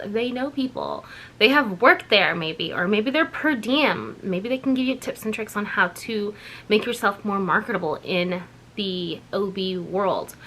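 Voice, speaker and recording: Bright chatty woman nurse vlogger. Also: mid-range voice. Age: 30s. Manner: chatty, rambling, self-correcting. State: tired after a night shift. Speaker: labor and delivery nurse, vlogger. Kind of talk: casual vlog Q&A.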